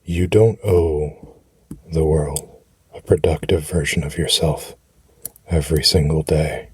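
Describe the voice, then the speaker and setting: A man speaking soothing affirmations for rest in a deep, husky, breathy voice, gently and reassuringly, with unhurried pauses, close to the mic. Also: steady tone. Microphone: close, dry microphone.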